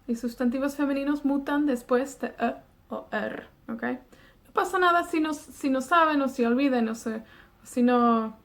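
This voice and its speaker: A woman from Wales teaching a beginner language lesson, slow and patient, repeating each word twice. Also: high voice. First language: Welsh. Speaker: Welsh teacher.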